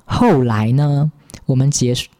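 A man with a mellow, warm voice tells a story in a casual monologue. He sounds exasperated and animated as he relives it. His delivery is loose and conversational, like a host talking to listeners. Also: medium pitch, unhurried. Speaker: podcast host.

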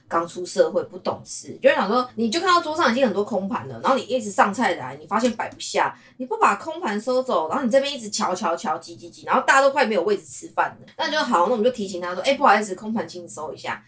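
A woman hosting a casual chat podcast with a Taiwanese Mandarin accent, talking in an animated, sassy way and mimicking people. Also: mid-range voice, fast talker, hardly any pauses, far from the mic. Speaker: host.

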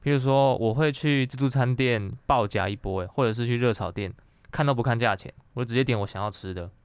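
A man's voice: medium pitch, fairly quick, clear, resonant tone, no room sound. A young adult man with a Taiwanese Mandarin accent, co-hosting a podcast in casual chat. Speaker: podcast co-host. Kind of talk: casual chat about anime and pop culture.

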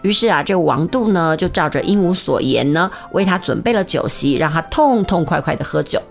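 Lady telling an old story, chatty and lively, bit of music behind. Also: on the low side, a little fast, gravelly. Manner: lively, conversational, many fillers. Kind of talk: storytelling narration.

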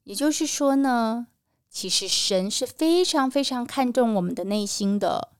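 Woman storyteller for kids, fairly high, gentle coaxing questions, close mic. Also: animated, unhurried, clean tone, dry recording. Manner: gentle, addresses children directly with coaxing questions. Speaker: children's Bible storyteller. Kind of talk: storytelling to children.

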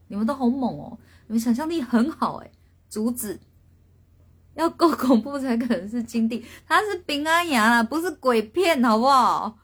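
Breathy woman medium. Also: a little high. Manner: animated storyteller, reads out viewer guesses, laughs often. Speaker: spirit medium hosting a live stream. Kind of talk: casual live-stream chat with viewers.

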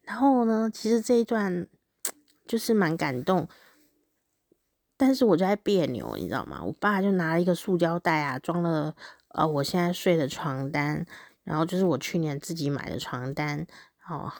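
A woman, reading a personal diary aloud on a podcast. Her voice sits fairly low, and she tells it in a candid, animated way with laughter breaking in. The recording is dry and close, with almost no room sound. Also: moderate pace, no echo. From Taiwan. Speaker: podcast host.

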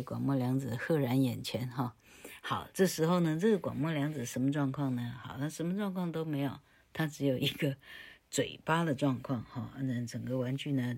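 Woman, deep and husky, playful teacher, laughs at her own jokes, stretches out example sounds. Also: a little mellow. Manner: jokey and playful, ends phrases with a chatty "ha" tag, laughs at her own stories; drawn-out sound demonstrations. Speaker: English pronunciation teacher. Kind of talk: recorded classroom lecture.

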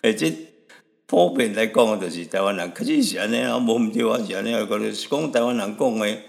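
A deep-voiced man from Taiwan hosts a radio program, his low tone carrying a gravelly fry. He rambles through his stories in a relaxed, chatty way, dotting sentences with little tag words and chuckles. The voice sits in a long, hanging reverb. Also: fairly quick. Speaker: radio host. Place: radio studio.

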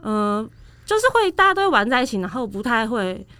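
A woman with a Taiwanese accent chatting casually as a podcast co-host, explaining things and gently objecting. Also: on the high side, big pitch swings, fairly quick, smooth, no room sound. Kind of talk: casual chat.

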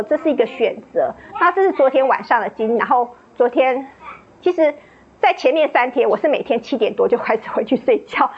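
Woman, high and rising voice, impassioned faith testimony, slightly muffled lo-fi recording. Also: slight background noise. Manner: excited, pitch leaps up when moved, laughs and cries while telling. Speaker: book club member sharing testimony. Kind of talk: emotional personal testimony. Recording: dull lo-fi sound.

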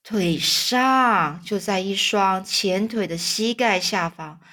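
A woman voicing a kind old male grasshopper who plays the violin, speaking gently and slowly, as in a children's storybook. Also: mid-range voice. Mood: gentle. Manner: gentle, slow and patient explaining.

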